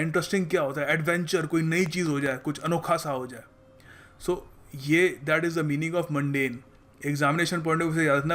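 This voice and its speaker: A man's voice: a little high, a bit bright. Indian male teacher mixing Hindi and English. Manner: slow, deliberate reading of English example sentences; switches between Hindi and English mid-sentence. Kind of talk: explaining vocabulary in mixed Hindi and English.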